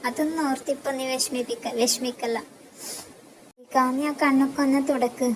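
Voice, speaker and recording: A woman voicing a caring elder sister figure who consoles gently but firmly. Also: sits high, fairly even intonation, normal speed, a little hiss or hum, voice pushed up, lightly acted, poor audio. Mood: consoling. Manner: soothing yet firm.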